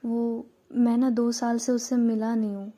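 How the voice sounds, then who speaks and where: Woman doing a smooth-talking young man. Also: on the high side, little pitch movement, a little slow, mellow, lightly acted.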